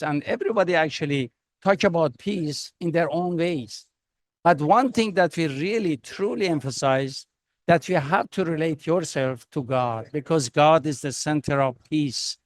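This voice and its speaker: A man's voice: a little high, moderate pace, no room sound, studio quality. A man speaking earnestly for a peace organization, in simple, preaching phrases. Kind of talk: earnest interview answer.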